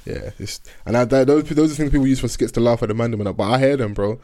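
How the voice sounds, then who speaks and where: A man's voice: medium pitch, quick pace, dark tone. A man with a London accent chatting casually as a podcast host, in slang-heavy roadman street talk. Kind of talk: casual chat.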